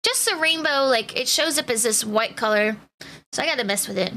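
A woman live streamer chats casually with her viewers in a bubbly way, greeting each by turn. Her voice sits high and sounds bright. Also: expressive, a little fast, slight background noise. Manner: bubbly, greets viewers one by one, laughs often.

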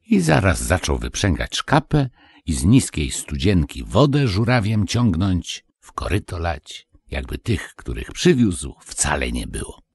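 A man narrating a fairy tale audiobook in a slow, melodic, theatrical way. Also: sits low, big pitch swings, gravelly, slightly rough, dry recording. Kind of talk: expressive storybook narration.

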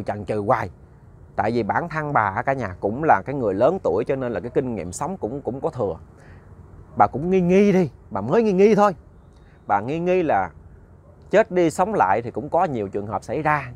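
Male ghost-story narrator, conversational and animated, speaks to listeners directly. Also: medium pitch. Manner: conversational, repeats words, addresses listeners as "cả nhà".

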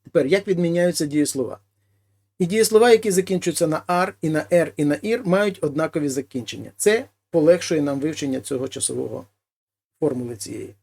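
A man teaching a language lesson: he reads each example phrase, then translates it slowly and explains it. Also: on the high side, expressive, gravelly, darkish tone, slightly rough. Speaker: Spanish teacher.

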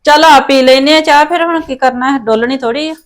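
A woman's voice: sits high, a little fast. A woman with a Punjabi accent playing a nagging, scolding mother in a family drama. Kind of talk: rural family drama acting.

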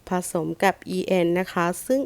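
A woman teacher with a Thai accent, sounding out letters and repeating words slowly in a phonics lesson for young children. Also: no room sound. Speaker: primary school English teacher.

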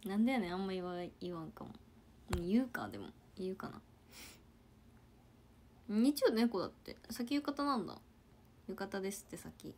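Woman, casual livestream chat with viewers; chatty, soft murmured asides. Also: mid-range voice, very animated, normal speed, long pauses, a little hiss or hum. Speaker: idol trainee livestreamer.

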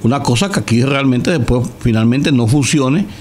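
A man hosting a radio interview, laying out his questions in a measured, thoughtful way. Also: medium pitch, darkish tone. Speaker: radio host. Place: radio studio.

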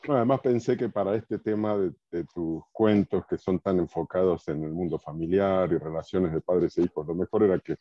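A man hosting a book club video call, calling on each guest by name in a relaxed, welcoming way. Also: sits low, a little fast, few pauses, dry recording. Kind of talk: online meeting introductions. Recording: dull dry video-call audio.

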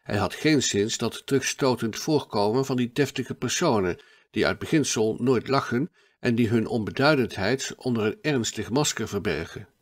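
A man narrating a classic adventure novel in a steady, measured audiobook reading. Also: medium pitch.

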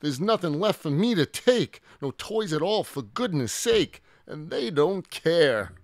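A man's voice: mid-range voice, very animated, takes it slowly, a bit bright, no room sound, studio quality, voice pushed up, full character voice. A man voicing a greedy, bratty young male dinosaur in a children's storybook, wailing and possessive. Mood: upset, whining. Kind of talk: children's picture book read aloud.

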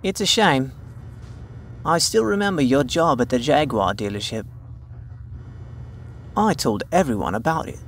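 An actor playing a mocking man from the hero's past who taunts him slowly. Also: mid-range voice, expressive, fairly bright tone, slight background noise. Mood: taunting. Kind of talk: dubbed drama acting.

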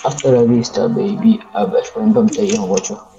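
A man's voice: mid-range voice, big pitch swings, brisk, highs cut off, background noise. A man streaming a game live, chatting casually, swearing and trash-talking at other players. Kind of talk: casual live gaming chat.

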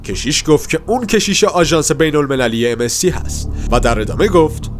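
A man narrating a comic book story, reading the characters' lines himself in shifting voices. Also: faint music behind. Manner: lively storytelling, reads every character's lines with shifting pitch.

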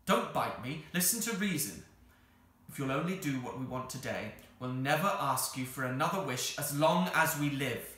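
A man's voice: medium pitch, expressive, normal speed, fairly bright tone, very echoey, pitched above the performer's own voice, close to an everyday voice. Man as an earnest, dramatic storybook girl. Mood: pleading. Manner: breathless, gushing, theatrically earnest. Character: earnest, dramatic young girl, an anxious older sister.

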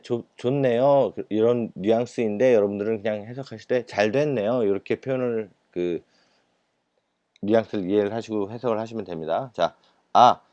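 A man with a lowish voice lectures patiently, stopping on fillers and repeating words as he explains. The recording is dry and a little dull, with no room sound. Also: a little mellow, no echo. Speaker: Japanese language instructor.

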